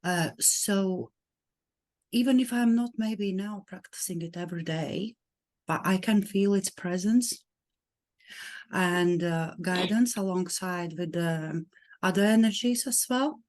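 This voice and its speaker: A woman from Latvia with a Latvian accent, earnestly introducing herself on a video call, pausing to search for words. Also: on the low side, darkish tone. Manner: earnest and searching, with pauses and restarts. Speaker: participant.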